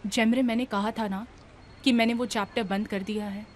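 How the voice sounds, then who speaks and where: A woman's voice: on the high side, fairly even intonation, moderate pace, a little hiss or hum, natural voice. A woman playing a composed young office worker. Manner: polite, composed. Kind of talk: dubbed TV drama.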